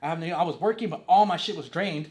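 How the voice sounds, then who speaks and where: A man's voice: fairly high pitch, fast, a little mellow, roomy sound. A man from Southern California, a rapper guesting on an interview, talking casually and passionately in heavy street slang with lots of swearing.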